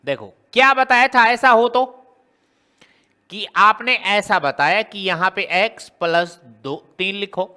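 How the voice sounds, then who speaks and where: High bright-voiced maths teacher quizzing students. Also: male voice, slow pace, clear, resonant tone. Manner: explains step by step, often quizzing students with rhetorical questions. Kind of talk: blackboard maths lesson.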